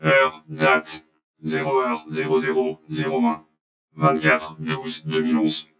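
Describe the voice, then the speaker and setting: A cold data-reading computer, done by a man speaks in a slow, gravelly monotone. Its sound is bright and processed through a synthesizer. It rings out with a roomy echo. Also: fairly high pitch, full character voice. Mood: mechanical.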